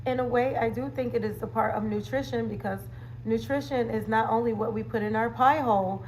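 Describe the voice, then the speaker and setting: On a poor recording with a little background noise, this livestream host and wellness coach talks fairly fast in a slightly high, steady, somewhat mellow voice. She keeps things casual and chatty with her viewers, full of slangy phrases, catchphrases and frequent laughter.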